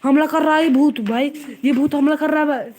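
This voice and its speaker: High-voiced woman giving urgent commentary. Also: fairly even intonation, normal speed, a little mellow. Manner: repetitive, urgent warnings. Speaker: vlogger narrating. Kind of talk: excited casual commentary. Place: outdoor home courtyard at night.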